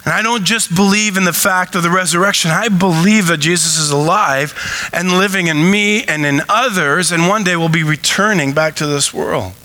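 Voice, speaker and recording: A man preaching a sermon from the pulpit, animated and acting out shouted cries as he retells a story. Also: high voice, normal speed, rough recording. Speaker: pastor.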